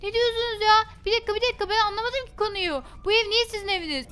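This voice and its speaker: A woman's voice: extremely high pitch, rapid-fire, bright, forceful tone, soft background music. A woman hosting a game role-play, narrating dramatically and exclaiming to her viewers.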